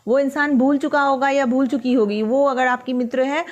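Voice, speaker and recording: A woman teacher explaining a poem to school students, reading its lines slowly and then explaining them in plain words. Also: sits high, steady tone, lo-fi sound. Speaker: Hindi teacher.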